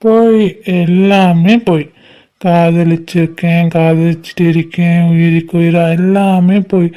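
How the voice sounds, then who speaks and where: A woman's voice: on the low side, a little slow, lightly acted. Woman playing a heartbroken drunk young man. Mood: bitter. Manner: brooding, flat, reproachful. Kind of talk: homemade cartoon voice acting.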